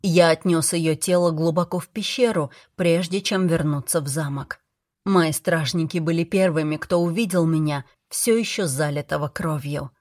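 A woman narrating a fantasy audiobook in the first person, in a measured, steady storytelling manner. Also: sits low, dry recording, clean studio sound.

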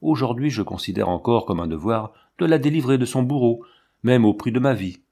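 A man's voice: medium pitch, expressive, brisk, warm tone. A man voicing a stern aristocratic count who speaks curtly and imperiously in an audiobook. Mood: resolute. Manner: curt, imperious, menacing. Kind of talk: audiobook narration.

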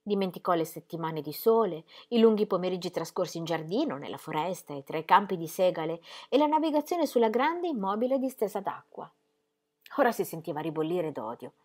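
A woman's voice: lowish voice, big pitch swings, brisk, a little mellow. A woman narrating a novel for an audiobook, reading expressively and dramatically. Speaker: audiobook reader.

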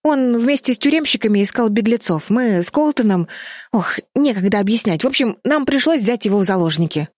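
A woman's voice: a little high, lively intonation, fairly quick, a little mellow, no echo, studio quality, pitched above the performer's own voice. Woman voicing a stubborn, urgent girl. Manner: urgent, insistent. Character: girl, protective older sister, determined and stubborn.

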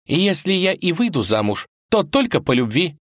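A man's voice: very animated, normal speed, dry recording, studio quality. Man doing a stubborn young princess. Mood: defiant. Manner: high, curt and defiant.

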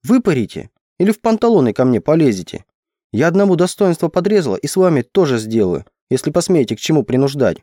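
A man voicing a stubborn, defiant young peasant woman, raising his voice high and sharp for her. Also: big pitch swings, fairly quick, dry recording, studio quality. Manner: raised, higher indignant voice.

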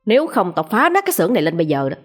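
A woman's voice: fairly low pitch, sing-song, faint music behind. A woman voicing a spoiled, cruel young man who barks harsh orders. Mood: threatening. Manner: harsh, barking orders fast.

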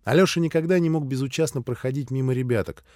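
A man narrating a classic novel as an audiobook, measured and expressive. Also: mid-range voice, no room sound, clean studio sound. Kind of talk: scripted literary narration.

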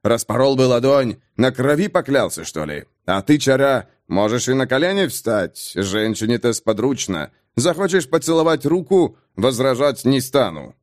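A brash nomad chieftain bellows and mocks in a lively, swooping voice, as a male audiobook reader puts him on. He drags out his words when he sneers and shouts when cornered. The sound is a plain storybook reading. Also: mid-range voice, no echo, studio quality, natural voice. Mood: mocking boastful. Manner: blustering, shouting, drawn-out mocking. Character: brash boastful nomad chieftain, hot-tempered. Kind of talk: audiobook character voice.

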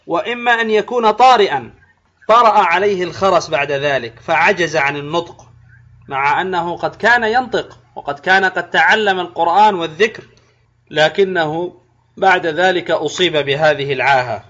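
A religious scholar, a man, walks his students through a classical text in a measured, explanatory way. He draws out words to show how they are pronounced. His voice sits high, and the recording is dull and lo-fi. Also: fairly bright tone. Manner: explanatory, demonstrates pronunciations by drawing out words. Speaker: Islamic scholar teaching jurisprudence.

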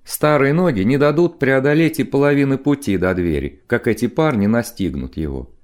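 A man narrating an audiobook in an expressive, dramatic reading style. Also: medium pitch, moderate pace. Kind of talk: scripted narration.

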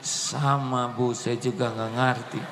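A man's voice: mid-range voice, little pitch movement, takes it slowly, background noise. A man voicing an earnest, confused young schoolboy who prays and pleads. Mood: pleading. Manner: pleading, plaintive prayer tone. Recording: echoey hall, faint ambience.

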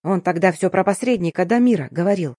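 A woman's voice: fairly low pitch, lively intonation, quick pace, no room sound, clean studio sound. A woman voicing a young female friend who whispers her news in a scared, teasing, conspiratorial way. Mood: worried whisper. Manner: hushed, whispering, sly.

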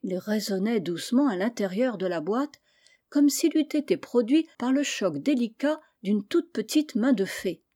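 A woman reading a storybook aloud as an audiobook narrator, measured and expressive. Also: a little high. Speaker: audiobook reader.

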